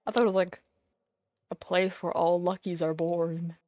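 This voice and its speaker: A woman chatting in character during a roleplay stream, playful and mock-hurt with a deadpan edge. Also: lowish voice, normal speed, no room sound. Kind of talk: in-character voice chat.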